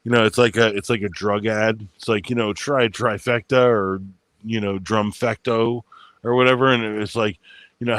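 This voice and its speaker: A man with a lowish, soothing voice hosts a casual chat with friends on his channel, rambling through stories with plenty of fillers and swearing. There's no echo in the recording.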